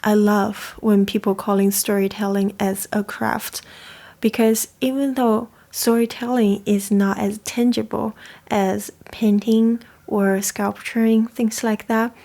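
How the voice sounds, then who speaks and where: The speaker is a young Chinese woman, Chinese being her first language, who reflects casually as a coffee-chat host. Her medium-pitched voice barely moves in pitch, with a measured pace, vocal fry and a mellow quality.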